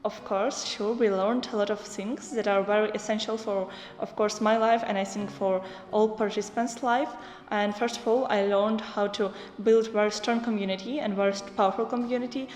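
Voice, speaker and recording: A young woman describing a youth exchange project in halting English with many fillers. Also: medium pitch, steady tone, darkish tone, faint music behind. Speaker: project participant. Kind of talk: interview answers in non-native English. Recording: echoey hall.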